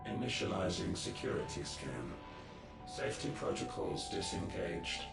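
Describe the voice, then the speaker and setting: An actor voicing a stern male tower security system in a game, making slow, clipped announcements. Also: low voice, sing-song, gravelly, distant mic, full character voice. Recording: roomy game audio from afar under music.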